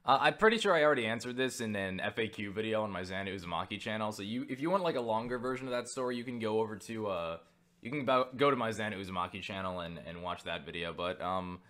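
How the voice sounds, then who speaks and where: An American man with a lowish, somewhat bright voice answers viewer questions quickly in a casual vlog. He rambles, jokes, swears freely and pokes fun at himself.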